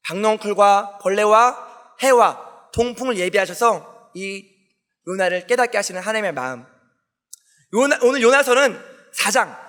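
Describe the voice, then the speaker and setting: A man preaching a sermon as pastor, telling a story with lively acted-out dialogue. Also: sits high. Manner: animated storytelling, acting out quoted dialogue. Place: church sanctuary. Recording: long hall reverb.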